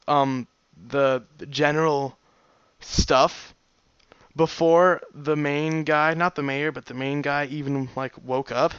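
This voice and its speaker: Man, reading a story aloud, casual rambling asides, smooth fairly high voice, dry dull recording. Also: a bit bright, no room sound. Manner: laughs and breaks off into rambling asides. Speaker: reader of a fan story.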